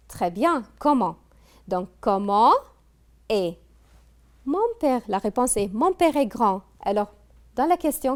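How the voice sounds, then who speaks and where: A woman teaching a French grammar lesson, posing questions to her class and praising their answers. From Kuwait. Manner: slow, drawn-out teacher talk with lively pitch, prompting students.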